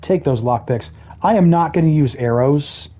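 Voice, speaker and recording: A game streamer chatting casually over gameplay, explaining mechanics with dry jokey asides, throat a bit rough with the odd cough. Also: mid-range voice, moderate pace, mellow, lo-fi sound. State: throat trouble, occasional coughing.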